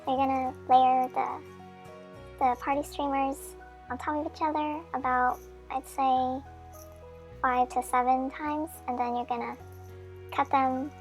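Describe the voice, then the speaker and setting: A woman's voice: high-pitched, flat delivery, unhurried, pauses often, soft background music. A woman's voice sped up into a chipmunk voice, giving a chatty, friendly craft how-to voice-over with small slips. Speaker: craft tutorial maker.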